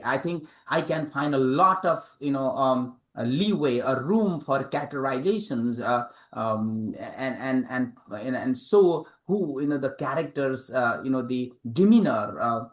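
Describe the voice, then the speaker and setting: An author and professor with a Nepali accent answers interview questions hesitantly, using many fillers and repeated words. He has a mid-range voice.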